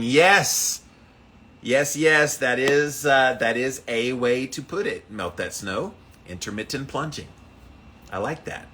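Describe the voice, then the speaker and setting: A man's voice: mid-range voice, pushed and bright, slight background noise. A man hosting a casual livestream, upbeat, repeating himself as he greets viewers by name and reads out their comments. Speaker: livestream host of a daily ice bath challenge.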